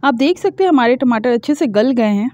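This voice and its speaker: A woman, the host of a cooking channel, calmly explaining each step of a recipe in a home-kitchen voice-over. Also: fairly high pitch, fast talker, no room sound. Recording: dull lo-fi voice-over.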